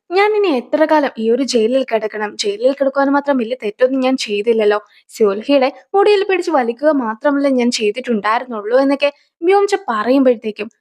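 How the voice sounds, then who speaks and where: A woman retelling a drama's story as a voice-over narrator, quoting the characters' lines in her own voice. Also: a little high.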